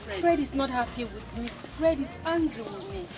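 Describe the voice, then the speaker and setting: An actress playing an upset young wife who refuses to submit, pleading and defensive with stammering. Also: female voice, high voice, animated, fairly quick. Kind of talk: Nollywood film acting. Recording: loud film music behind.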